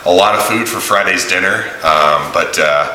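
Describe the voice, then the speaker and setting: A man giving a casual, rambling video diary in a halting, informal way, recorded in a big echoey room. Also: sits low, pushed and bright. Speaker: vlogger and volunteer preacher on a mission trip. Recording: echoey room, big echo, audible hiss.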